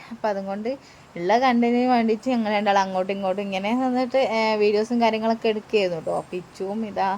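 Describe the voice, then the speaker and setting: A young woman narrating a family vlog in a chatty voice-over, tagging her sentences with a friendly "tto" and pausing on filler sounds. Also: mid-range voice, a little mellow, a little hiss or hum. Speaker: family vlogger.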